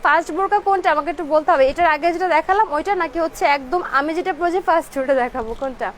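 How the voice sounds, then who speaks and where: A woman from Bangladesh hosting a live clothing sales stream, mixing in English words and repeating product codes and prices. She is fasting, and her throat is a little dry. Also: very high voice, a little hiss or hum.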